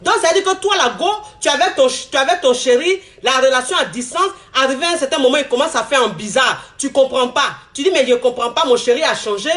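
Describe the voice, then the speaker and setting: A man with an Ivorian French accent, congested from a cold, giving animated, repetitive relationship advice in casual street slang to his viewers. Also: very high voice, quick pace, few pauses. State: congested with a cold, throat-clearing.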